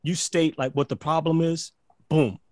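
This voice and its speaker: A podcast guest from Barbados tells stories in casual chat, animated and full of restarts, repeated words, and frequent "like." His voice is a little high and moderately paced, with clean studio sound and no room reverberation.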